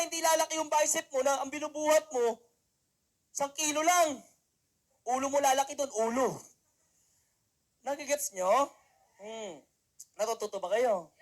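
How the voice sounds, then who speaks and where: Very high-voiced young man mentoring a crowd. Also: a little slow, pauses often. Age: young adult. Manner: animated storytelling, acting out quotes; peppers lines with rhetorical "di ba?". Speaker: mentor and motivational speaker. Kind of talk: motivational talk to a live audience.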